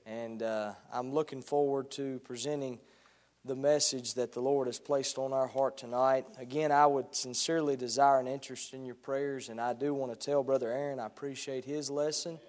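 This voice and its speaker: A guest preacher with a mid-range, darkish, slightly hoarse voice opens his sermon with halting remarks. His intonation stays fairly even at first, then builds into a rising preaching cadence as he reads scripture.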